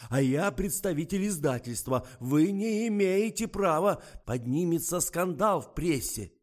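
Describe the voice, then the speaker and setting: A man's voice: medium pitch, very animated, takes it slowly, dark tone, pitched above the performer's own voice. A man voicing a flustered, pushy male publicist in an audiobook, talking in an agitated, demanding way.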